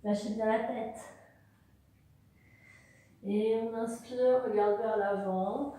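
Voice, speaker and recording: A woman teaching a yoga and movement class, giving slow, calm cues to breathe in and out. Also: a little high. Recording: very echoey room, far from the mic.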